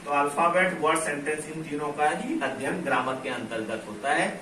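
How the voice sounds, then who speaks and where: A man teaching English pronunciation and grammar, explaining slowly, repeating key words and spelling out letters. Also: a little high, pushed and bright. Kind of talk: classroom-style explanation at a board. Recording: echoey room, from a distance, faint noise.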